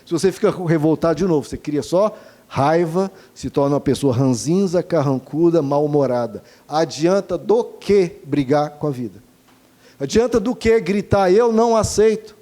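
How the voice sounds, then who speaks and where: Brief: male pastor, fairly high-pitched but mellow, earnest rhetorical sermon delivery. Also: normal speed. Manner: earnest, rhetorical questions, addresses congregation as dear ones.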